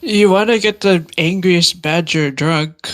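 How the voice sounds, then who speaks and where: A tabletop role-playing game player who laughs often and talks haltingly, repeating words. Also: medium pitch, fairly bright tone. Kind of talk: casual game chat.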